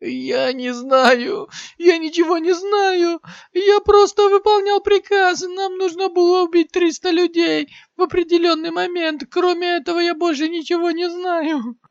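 A man voicing an arrogant clan warrior who shouts, his voice cracking high when he begs. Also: a little slow, clean tone, no echo. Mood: terrified, screaming. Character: arrogant clan warrior, male, turns terrified. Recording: slightly dull, dry lo-fi sound.

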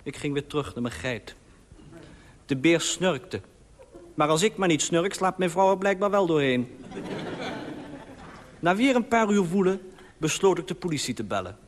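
A man telling an absurd story as a dry, deadpan comic monologue on old radio. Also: fairly high pitch, normal speed, long pauses, big-room sound, a little hiss or hum.

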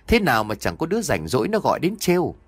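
A man voicing an elderly countryside wife who scolds her husband in a hurried, fussing way. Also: fairly high pitch, wildly swooping pitch, husky, dry recording, full character voice. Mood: scolding. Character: flustered elderly wife of village head.

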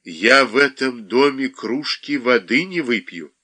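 A man reading aloud, voicing an angry young woman who makes sharp accusations. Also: mid-range voice, expressive, a little slow, breathy edge, heavily acted. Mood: accusing.

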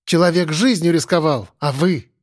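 A man's voice: fairly high pitch, normal speed, dry recording, clean studio sound, natural voice. A man voicing a young factory girl, eager and coaxing. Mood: teasing.

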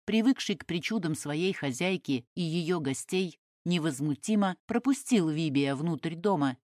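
A woman with a low, slightly mellow voice narrates a historical novel as an audiobook reader. The scripted reading is captured with clean studio sound and no room sound.

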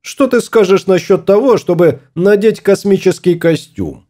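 A man's voice: sits high, moderate pace, warm tone, voice pushed up, natural voice. A man voicing a stubborn, fussy husband exploring space in an audiobook, grumbling and obstinate.

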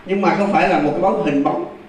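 An older Buddhist monk, telling a story in a dharma talk with animated leaps on exclamations. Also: male voice, sits high, fast talker. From Vietnam. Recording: echoey hall from far off.

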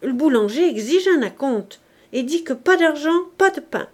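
A woman's voice: high-pitched, lively intonation, normal speed, voice pushed up. A woman reading aloud and voicing an old housekeeper who keeps complaining insistently in a raised voice. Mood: nagging.

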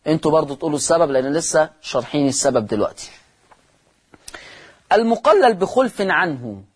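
A man with an Egyptian accent teaching Quran recitation rules on a broadcast lesson, repeating key words, asking and answering his own questions, and drawing out example words slowly. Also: on the high side, slightly rough.

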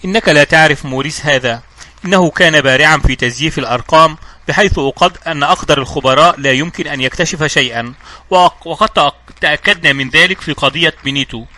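A man reading as a calm, deferential police inspector. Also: a little high, fast. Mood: calm, respectful. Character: calm, respectful middle-aged male police inspector.

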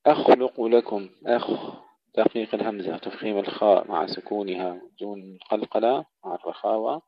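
A man teaching Quran recitation, chanting verses slowly and then explaining pronunciation rules in quick plain speech. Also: lowish voice, steady tone, muffled recording.

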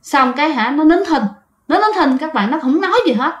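A woman's voice: high voice, lively intonation, fairly quick. A woman telling a ghost story in a chatty way, talking straight to her listeners. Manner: chatty, addresses listeners directly. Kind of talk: casual ghost story narration. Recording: roomy echo.

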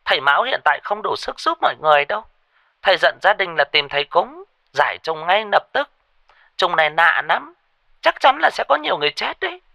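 A man voicing a frantic shrill sorcerer's wife. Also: sing-song, fairly quick, creaky, sharp tone, no echo, full character voice. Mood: urgent warning. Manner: urgent, high-pitched warning. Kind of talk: ghost story narration.

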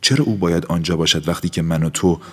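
An urgent young man, played by a male narrator in an audiobook, pushing hard with raised, insistent questions. The voice stays deep overall. A long, hall-like reverb hangs behind it. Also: slightly rough.

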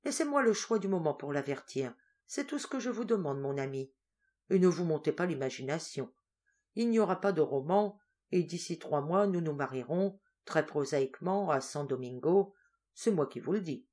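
A woman voicing a confident, teasing young woman of twenty-three in an audiobook, speaking in a brisk, self-assured way. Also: deep voice, lively intonation, warm tone.

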